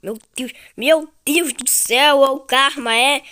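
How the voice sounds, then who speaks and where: A young Brazilian woman with a high voice calls out her gameplay in excited bursts. She talks in a chatty way, full of slang and exclamations. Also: measured pace, no room sound, clean studio sound. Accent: Brazilian Portuguese. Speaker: gaming video creator.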